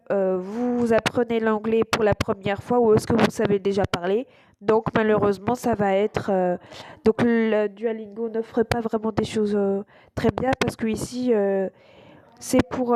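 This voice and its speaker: This YouTube host has a fairly high, mellow voice with fairly even intonation and a slightly slow delivery. Demonstrating an app over a screen recording, she hesitates, uses many fillers and restarts, and repeatedly says "voilà". The recording quality is low.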